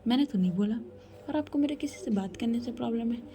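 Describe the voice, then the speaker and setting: A woman's voice: a little high, expressive, quick pace. A woman voicing a defiant, irritated young bride, speaking indignantly in a told story. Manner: indignant, pushes back sharply.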